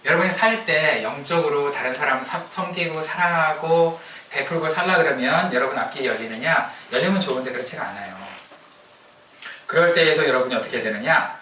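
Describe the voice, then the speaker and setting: A man's voice: fairly high pitch, pushed and bright, reverberant, far from the mic, a little hiss or hum, low-quality recording. A male pastor giving a conversational sermon, often asking the congregation questions and acting out prayers. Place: church sanctuary.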